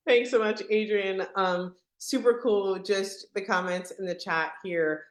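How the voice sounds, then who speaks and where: A woman with a mid-range, steady voice hosts an online product webinar at a measured pace. Her upbeat live sales pitch is chatty and peppered with "right?" tags, and the sound is echoey and roomy.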